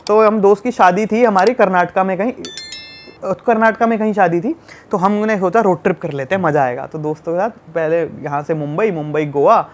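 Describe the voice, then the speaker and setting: Man with a high voice, animated storytelling, casual chat, from delhi. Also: moderate pace, a little hiss or hum. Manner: animated, acts out shouting in the retelling. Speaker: travel youtuber guest.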